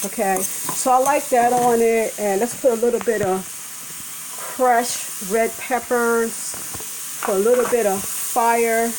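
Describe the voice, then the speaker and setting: In her home kitchen, a woman vlogs a casual demo of cooking a vegan breakfast, chatting and rambling while correcting herself along the way. Her voice is a little high and darkish, with fairly even intonation and a slow pace. The audio is poor, with kitchen noise and food sizzling in a pan.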